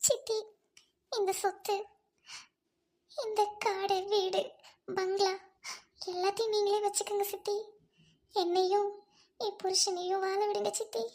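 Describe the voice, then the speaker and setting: A woman playing a very high, flat heartbroken young wife. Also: unhurried, pauses often. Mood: resolute. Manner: sobbing, pleading. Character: young wronged wife, heartbroken but resolute.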